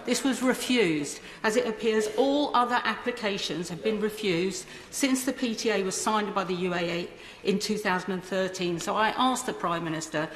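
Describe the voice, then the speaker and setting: Female MP, formal prepared question, mid pitch, long reverb. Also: normal speed, few pauses. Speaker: member of parliament. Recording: echoey hall with long reverb.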